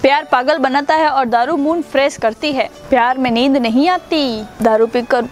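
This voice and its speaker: A woman rattles off one joke after another. She sounds playful and often chuckles at her own punchlines. Faint music plays softly behind her. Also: sits high, moderate pace. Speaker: joke teller. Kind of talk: telling a string of jokes.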